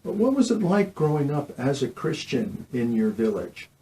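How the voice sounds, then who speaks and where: A man hosting an interview, asking questions in a halting way with frequent pauses. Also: a little high, big pitch swings, warm tone, slight background noise, low-quality recording. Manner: halting, many "uh" fillers. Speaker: interviewer, host.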